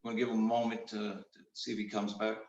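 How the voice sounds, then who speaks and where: A man speaking as an imam on a panel over a video call, measured and pausing often with fillers. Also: fairly low pitch, flat delivery, dull audio. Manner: measured, with frequent pauses and fillers. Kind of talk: panel discussion. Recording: roomy video call audio from far off the mic.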